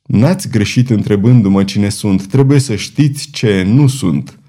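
A man reading an audiobook, voicing an older, burly executioner who speaks slowly and solemnly. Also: fairly low pitch, warm tone, lightly acted.

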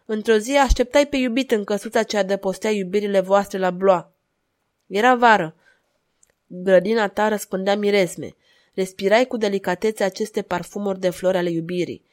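A woman reading aloud and voicing a cold, relentless duchess who speaks in an insistent, measured way. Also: medium pitch, darkish tone, natural voice.

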